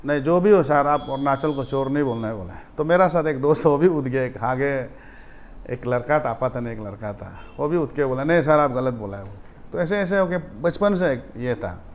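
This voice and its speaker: A man from Arunachal Pradesh, a student leader telling stories from his school days in a casual interview, getting animated and loud as he retells his run-ins. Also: medium pitch, moderate pace. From Arunachal Pradesh, India. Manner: animated, rises sharply when retelling confrontations. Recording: slightly dull lo-fi audio.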